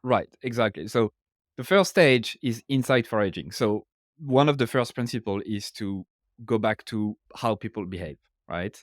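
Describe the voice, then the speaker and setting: A Frenchman with a French accent, speaking English as a second language, appears as an author and podcast guest, casually explaining ideas in interview talk and often checking in with "right?". His voice is fairly low and animated, at a moderate pace, recorded with studio quality and no room sound.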